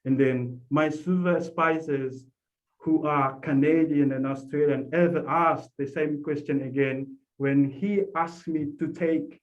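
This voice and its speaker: A man with an Indonesian accent lectures informally in a high voice. He takes his time, explaining point by point and often checking that listeners follow. The audio is dull and low in fidelity. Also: fairly even intonation, unhurried. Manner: explanatory, often checks with listeners using short tag questions. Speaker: lecturer, academic presenter. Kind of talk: informal academic talk on language teaching.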